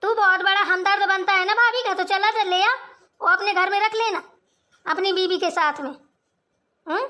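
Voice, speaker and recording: A woman voicing an angry, proud old village mother-in-law in a Hindi cartoon, scolding her sons in a sharp-tongued way. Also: very high-pitched, fairly even intonation, normal speed.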